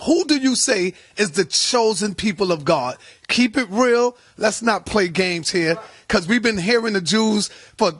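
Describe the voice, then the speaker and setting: A male interviewer with a high, swinging voice who presses his guest and hammers the same point again and again. His tone is husky and sits close and dry on the mic. He sounds confrontational and insistent. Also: a bit bright, dry recording. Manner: pressing, repeats himself for emphasis. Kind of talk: confrontational questioning.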